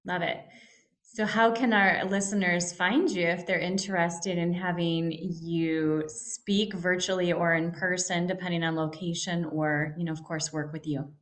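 A woman hosting a podcast interview, upbeat and quick with short affirmations. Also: fairly low pitch, steady tone. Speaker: podcast host. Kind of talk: casual interview chat.

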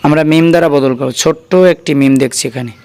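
A Bangladeshi man with a Bengali accent teaches Quran reading, spelling out syllables one by one before chanting them together in a letter-by-letter lesson. His mid-range voice is gravelly and darkish, and he talks fast.

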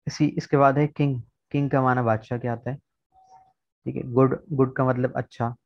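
A man's voice: mid-range voice, little pitch movement, moderate pace. A male teacher gives a patient, word-by-word vocabulary lesson over a video call, keeping his tone level with very little rise and fall. The sound is dry with no room echo, and the online recording is slightly dull and lo-fi. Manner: explains word by word, often checking with "theek hai". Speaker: English teacher.

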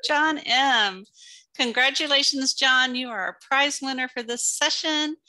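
A middle-aged woman hosting on a headset in a video call, making an excited, hyped giveaway announcement. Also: sits high, unhurried, noisy background. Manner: excited, upbeat. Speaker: event host.

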